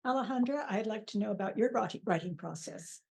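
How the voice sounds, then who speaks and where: A woman moderates an author panel, thanking the speakers and asking about their writing in a friendly, prompting way. Her voice sits in a middle pitch and sounds dry, with no room echo. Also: animated, quick pace, gravelly, a little mellow.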